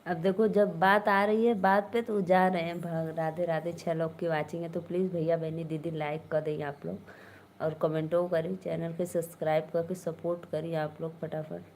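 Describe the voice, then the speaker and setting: A woman's voice: fairly low pitch, little pitch movement, moderate pace, a little mellow, a little hiss or hum. A young woman with an Awadhi-tinged Hindi accent hosting a casual live stream, chatting with viewers and answering their comments.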